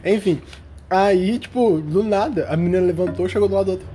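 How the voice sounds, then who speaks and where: A young adult, telling a school story in a casual, slangy, animated way. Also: mid-range voice, fairly quick, faint music behind. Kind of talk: casual chat.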